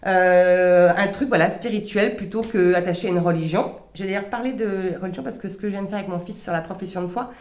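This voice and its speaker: A woman's voice: on the low side, fast talker, few pauses, darkish tone, dull audio. A woman talking reflectively in a personal vlog, hesitant, with many stammered restarts. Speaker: vlogger. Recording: roomy echo.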